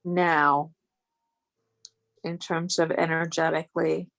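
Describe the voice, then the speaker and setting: Hesitant, creaky-voiced woman, very slow. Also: low-pitched, little pitch movement, a bit bright. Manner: tentative, halting, reflective. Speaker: client in a channeling session.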